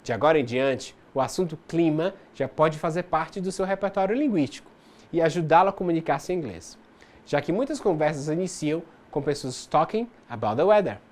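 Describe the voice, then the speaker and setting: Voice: mid-range voice, animated, moderate pace, darkish tone. A teacher with a Brazilian accent delivers a scripted distance-learning lesson on English. They explain grammar and pronunciation step by step in a didactic way, dropping in English example words. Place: studio.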